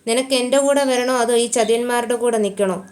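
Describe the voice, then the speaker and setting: A furious, possessive young man barking orders in a storybook romance, as a woman reads him. His words come out forceful and commanding, in a fairly high voice. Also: fast talker, lightly acted. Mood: angry commanding.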